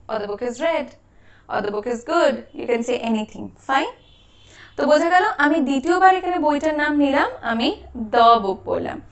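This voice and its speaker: High-voiced Bengali woman teaching English grammar. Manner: explains slowly, repeats examples, checks in with the viewer. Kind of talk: grammar lesson.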